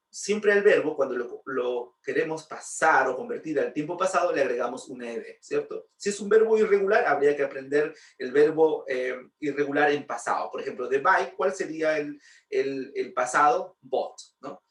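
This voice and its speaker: A man's voice: fairly high pitch, normal speed, distant mic. A man teaching English grammar, patiently repeating points and checking with rhetorical questions. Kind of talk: explaining grammar lesson. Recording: roomy, voice from off-mic.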